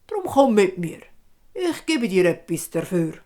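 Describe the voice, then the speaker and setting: A woman voicing a calm, bearded old dwarf king who speaks in a measured, kindly authoritative way, with a Swiss German accent. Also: medium pitch.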